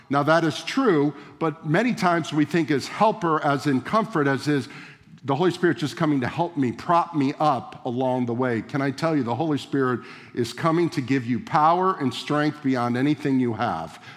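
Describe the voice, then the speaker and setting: A male pastor preaching a sermon in a conversational way, with rhetorical questions and direct address to the congregation. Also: fairly high pitch. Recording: long reverb of a large hall.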